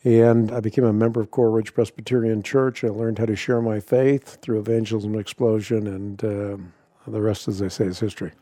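Deep, mellow older man, unhurried. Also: little pitch movement, no echo. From Netherlands. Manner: measured, reflective, some repeated starts. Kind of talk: relaxed interview storytelling.

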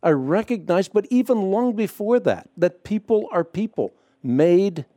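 Male call-in host, mellow dark tone, dry studio sound, firm and measured. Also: high voice, expressive, no room sound. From Netherlands. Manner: measured, firm, repeatedly interjecting. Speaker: radio show host. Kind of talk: call-in radio talk. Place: radio studio. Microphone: studio microphone.

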